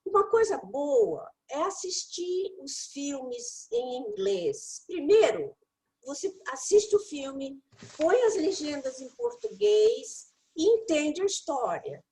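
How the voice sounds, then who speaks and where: A woman English teacher and mentor giving study tips in a talk to the listener, animated and playful. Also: high-pitched, slow, poor audio.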